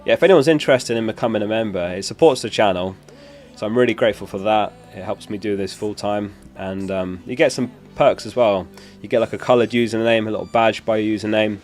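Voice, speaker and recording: Soft music plays as a young streamer, still recovering from losing his voice, chats casually and fields questions from chat. His fairly low, darkish voice moves fairly quickly, with hardly any pauses.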